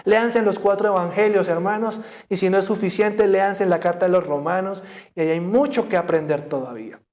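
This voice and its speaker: A man's voice: sits high, fairly quick, a little mellow. A man preaching a sermon to a church congregation, often asking them questions and joking. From Colombia. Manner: asks the congregation questions, jokes and laughs. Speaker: pastor. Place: church service streamed online.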